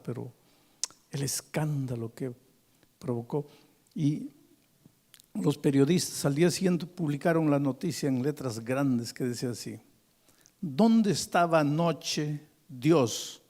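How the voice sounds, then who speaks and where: A male pastor with a medium-pitched voice tells a story during a sermon in church. His delivery swings dramatically between hushed and forceful.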